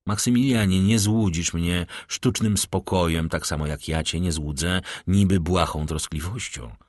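A man reading the part of a composed aristocratic count who speaks gently and gravely in an audiobook. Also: sits low, no echo, clean studio sound. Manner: gentle, hushed and measured.

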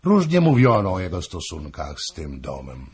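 A man narrating a historical novel in a measured, expressive storytelling manner. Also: low-pitched, husky. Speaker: audiobook narrator.

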